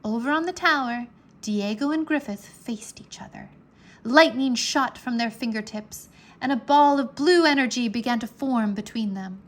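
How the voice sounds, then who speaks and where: This is a woman with a slightly high voice narrating an adventure story for children. She tells it expressively and dramatically, at a measured pace.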